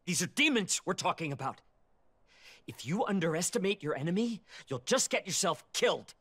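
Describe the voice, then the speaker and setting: Game role: earnest, self-blaming young man, formal and subdued, heavily breathy, husky tone. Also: high voice, sing-song, normal speed, fairly bright tone, full character voice. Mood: stern. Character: serious, troubled, self-blaming young male honor student. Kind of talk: scripted video game acting.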